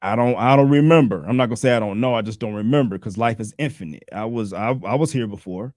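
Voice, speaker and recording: A man co-hosting a podcast, talking in a relaxed, conversational way and often adding "you know what I'm saying.". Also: lowish voice, quick pace, no room sound, clean studio sound. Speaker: podcast co-host. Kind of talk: casual debate talk.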